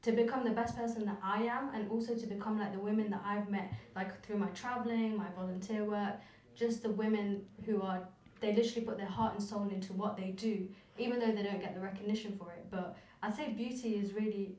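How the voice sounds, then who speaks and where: A woman's voice: medium pitch, mellow, a little hiss or hum. A woman in casual radio conversation, reflecting earnestly and personally. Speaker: radio show guest. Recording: roomy, distant from mic.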